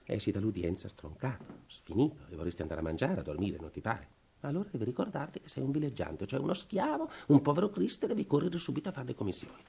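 A harried middle-aged official, husky, breathless, fast ranting, 1950s radio play. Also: male voice, mid-range voice, sing-song, a little mellow, heavily acted. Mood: weary complaint. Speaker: worn-out family man begging for a revolver. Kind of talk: 1950s radio drama acting.

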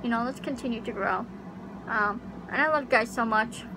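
Recorded at home on a close webcam, a young woman vlogs for YouTube from a small pink bedroom, the air conditioner's hum clearly audible. Her voice is a little high and her speed normal. She chats casually, rambling and unsure, with many fillers.

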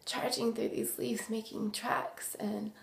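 A young woman acting a remorseful recovering addict in a dramatic monologue, halting and full of tragic sorrow. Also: a little high, level tone, creaky. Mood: wistful, halting sorrow. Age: young adult. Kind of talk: dramatic monologue, naturalistic confession. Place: small indoor room. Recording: roomy echo.

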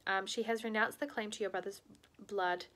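Majestic storybook lion, grave and steady, woman reader doing the voice. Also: medium pitch, moderate pace, close to an everyday voice. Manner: grave and calm. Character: great, grave male lion king.

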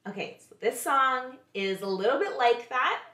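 A woman's voice: high-pitched, lively intonation, moderate pace, bright, forceful tone, reverberant. A woman, a children's librarian, reading picture books aloud to young kids in a playful way, often asking them questions.

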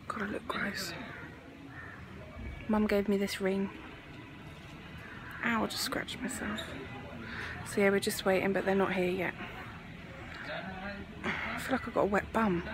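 A young woman chatting casually to her phone camera in a travel vlog, often slipping into breathy half-whispered asides. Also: medium pitch, background noise. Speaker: vlogger.

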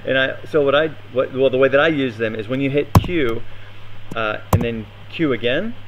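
A man's voice: medium pitch, normal speed, highs cut off. Man, live coding demo, hesitant, many ums, noisy room, keyboard clicks. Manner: hesitant, thinking aloud with many fillers. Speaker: meetup presenter. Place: meetup room.

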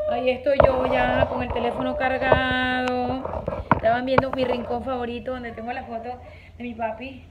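A woman with a high voice talks casually and dramatically to her phone at home, tossing out exclamations. The recording is dull and muffled. A clear hiss of noise runs under her voice. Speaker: vlogger. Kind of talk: casual vlog chat.

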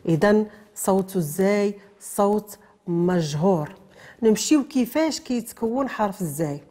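A woman's voice: mid-range voice, animated, normal speed, warm tone. A woman with a Moroccan accent teaching a lesson on how a letter is pronounced, asking questions and then answering them herself, mixing formal terms with everyday speech. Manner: explains step by step, asks and answers her own questions. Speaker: tajweed teacher.

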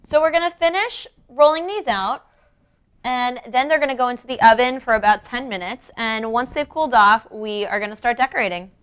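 This young adult cooking show host has a fairly high, clean voice with a fairly bright tone, speaking a little fast. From an indoor, home-style kitchen, she chats her way through the lesson. She addresses each step directly to whoever is watching.

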